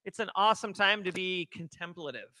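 A man co-hosting a casual chat, playful and quick with a joke. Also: sits high, bright, forceful tone, dry recording, rough recording. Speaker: co-host. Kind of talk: casual joking banter.

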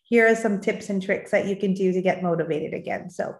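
Woman, show host, encouraging, motivational talk, mid-pitched, roomy echo. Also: fairly quick. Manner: encouraging, addresses listeners as fellow moms. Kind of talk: motivational interview hosting. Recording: roomy, echoing sound.

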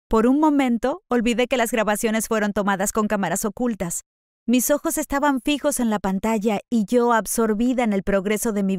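A woman's voice: mid-range voice, darkish tone, clear, resonant tone, dry recording, studio quality. A woman reading a first-person story aloud in a scripted, dramatic storytelling manner. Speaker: narrator.

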